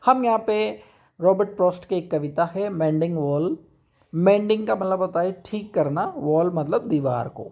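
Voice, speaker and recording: A man teaching English poetry, explaining step by step and reading definitions slowly. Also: high-pitched, animated, warm tone. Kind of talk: classroom lecture.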